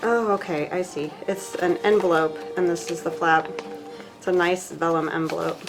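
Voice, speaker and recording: A woman crafter chats through an unboxing in a slightly low voice. She gushes warmly over each item and thinks out loud as she works with her hands. Her talk is loose and casual, dotted with fillers. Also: fairly even intonation, normal speed, over music, poor audio. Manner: chatty and gushing, with many fillers; thinks aloud while handling craft supplies. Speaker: craft vlogger.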